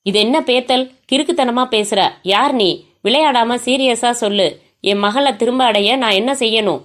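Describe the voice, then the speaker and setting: A woman's voice: a little high, a little slow, natural voice. A woman voicing a frightened, wealthy older father who speaks in an agitated, pleading way.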